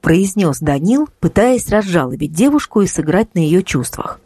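Expressive woman audiobook narrator, mellow. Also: fairly low pitch, moderate pace, husky, no echo, clean studio sound. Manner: expressive, animated reading.

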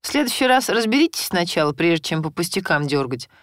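A woman's voice: medium pitch, big pitch swings, a little fast, no echo, clean studio sound, voice pushed up, natural voice. A woman voicing a grumpy, stern male police sergeant who talks curtly, in a military manner. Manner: grumbling, curt, military-strict.

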